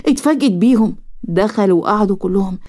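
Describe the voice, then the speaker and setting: A woman with an Egyptian accent narrating a cartoon story in a brisk storytelling manner. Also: medium pitch, animated, a little mellow. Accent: Egyptian Arabic. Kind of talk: scripted narration.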